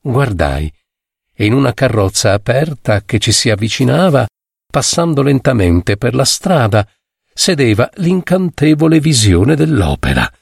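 A man narrating a classic story aloud with an expressive, theatrical reading. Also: mid-range voice, vocal fry, breathy edge, no echo, studio quality. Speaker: audiobook narrator.

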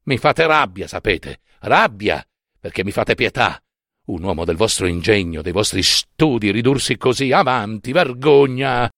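A man's voice: fairly low pitch, lively intonation, a little slow, fairly bright tone, no echo, studio quality. Give me a man doing a young professor scolding a friend with mocking, emphatic reproach.

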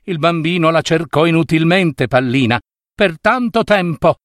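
A man's voice: on the high side, moderate pace, a bit bright, no room sound, clean studio sound. A man narrating a fairy tale in a theatrical way with playful asides. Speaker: storyteller. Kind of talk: expressive storybook narration.

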